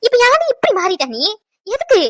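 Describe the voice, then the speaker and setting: A woman's voice: extremely high pitch, big pitch swings, a little fast, dry recording, clean studio sound. An actress playing a mother who is upset and scolding about her married daughter, in a serial drama. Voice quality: scolding, exasperated.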